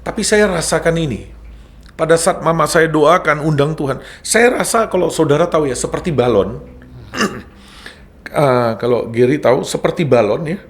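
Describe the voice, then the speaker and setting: A man's voice: on the high side, expressive, moderate pace. A middle-aged man telling his personal faith testimony in an earnest, heartfelt way, slipping in a few English words. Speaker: guest sharing a conversion testimony.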